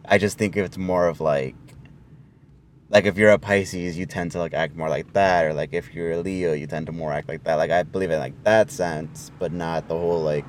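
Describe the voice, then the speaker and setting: A man's voice: sits low, steady tone, normal speed, slight background noise. A young man co-hosting a podcast in casual chat, laid-back, swearing and filling with "like". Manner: laid-back, swears often, many fillers. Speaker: podcast co-host.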